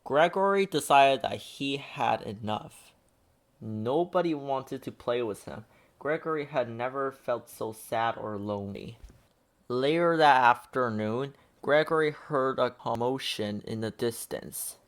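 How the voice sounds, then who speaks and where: In a mid-range voice, a man narrates a children's picture book, taking his time and giving the story an expressive touch.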